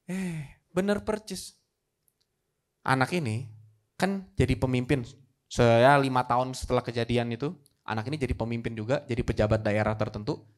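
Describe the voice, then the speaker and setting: A man's voice: medium pitch, normal speed, long pauses. A male pastor preaching a live church sermon, telling a story dramatically and rising to emphatic peaks. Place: church service, recorded live.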